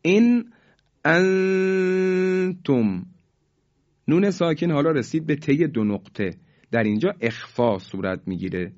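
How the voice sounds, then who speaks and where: A man teaching Quran recitation rules, formal and polite, drawing out the example words slowly for listeners to repeat. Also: mid-range voice, darkish tone, dull audio. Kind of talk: tajweed lesson with recited examples.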